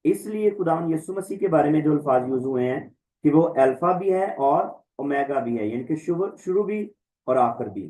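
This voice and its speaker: A man teaching an online Greek class, slowly reciting and repeating letter names for students to follow. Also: on the high side, expressive, warm tone, poor audio. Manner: slow, repetitive recitation, drawing out letter names. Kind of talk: online class lesson, drilling the alphabet.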